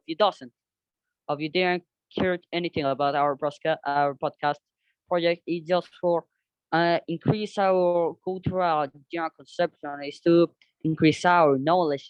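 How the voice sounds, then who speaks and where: A young man with a Colombian Spanish accent talks through his class podcast project in an unscripted presentation, his voice slightly high. His English is halting; he searches for words and restarts often. The sound is dull, dry and close-miked, with a clean tone and no echo.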